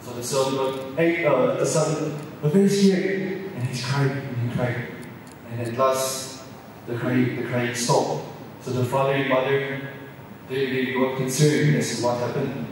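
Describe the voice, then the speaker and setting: A man's voice: mid-range voice, steady tone, a little slow, slight background noise. A man telling a folk tale at a college fest, repeating words and restarting for drama. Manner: repetitive, dramatic, many restarts. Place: large hall at a college event. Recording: echoey hall, mic far off.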